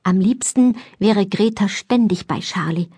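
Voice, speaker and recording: Lively woman narrator for a kids' audiobook, dry studio read. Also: medium pitch, unhurried, slightly rough, no echo. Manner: lively, expressive storytelling. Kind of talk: scripted children's story narration. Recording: dry close studio sound.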